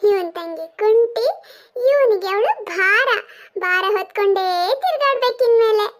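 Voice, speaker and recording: A spiteful cartoon boy mocks and jeers in a sing-song sneer, as a woman plays him. His voice sits extremely high and thin. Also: measured pace. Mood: taunting. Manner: taunting, sneering. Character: rude mocking boy, a cruel tease.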